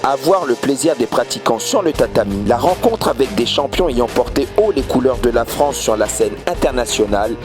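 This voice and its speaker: A man reading a scripted news voice-over in a steady, formal delivery. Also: mid-range voice, moderate pace, hardly any pauses. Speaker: news reporter. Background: music bed.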